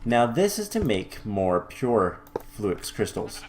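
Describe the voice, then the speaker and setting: A man's voice: on the low side, big pitch swings, takes it slowly, a little mellow, a little hiss or hum. A man hosting a game let's-play who explains his building as he goes, thinking aloud with fillers and restarts and the odd wry aside. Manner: mildly wry, self-correcting. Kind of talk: casual gameplay commentary.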